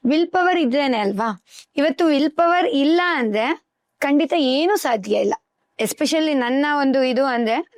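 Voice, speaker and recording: A woman's voice: sits high, no room sound. A woman guest on a podcast, a life coach who explains earnestly with everyday examples. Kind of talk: podcast interview.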